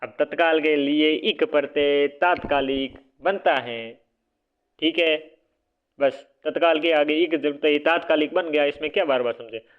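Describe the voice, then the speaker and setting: Hindi teacher quizzing word spellings. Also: male voice, fairly high pitch, fairly even intonation, a little slow, smooth. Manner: repeats words, quizzes listeners with "what will it be?"; self-correcting, casual asides. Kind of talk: online exam-prep lesson. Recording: phone-like narrow band audio.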